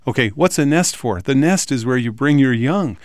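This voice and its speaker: A man's voice: mid-range voice, expressive, normal speed, no echo, studio quality. A man hosting a Bible discussion, enthusiastically quoting and explaining scripture. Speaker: radio show host. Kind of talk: conversational Bible teaching.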